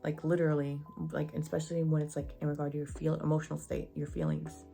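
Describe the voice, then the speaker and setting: A young woman giving casual advice in a vlog, slangy and sassy, with a flat, even delivery. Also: low-pitched, quick pace, creaky, soft background music. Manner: says she sounds monotone. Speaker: vlogger.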